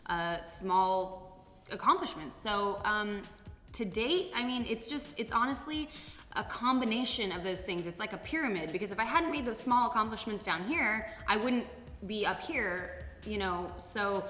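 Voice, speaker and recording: A woman's voice: mid-range voice, lively intonation, normal speed, sharp tone. A woman with a Californian American accent chatting casually and candidly as a vlog host, with informal, sweary phrasing. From San Diego, California, USA. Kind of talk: casual Q&A chat. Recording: echoey reverberant room, music underneath.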